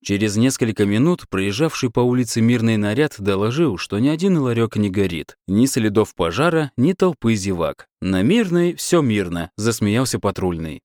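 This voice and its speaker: Low, lively male audiobook narrator. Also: moderate pace, few pauses, no room sound, studio quality. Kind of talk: scripted story narration.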